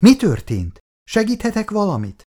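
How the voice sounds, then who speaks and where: A man voicing a gentle young man who speaks softly and soothingly. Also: sits high, huge pitch swings, voice pushed up, heavily acted. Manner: soft, soothing.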